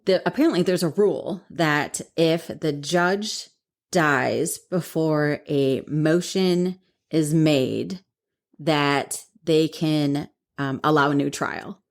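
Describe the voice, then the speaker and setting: Low-voiced giggly woman telling a story. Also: slow. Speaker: podcast co-host. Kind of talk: casual chat.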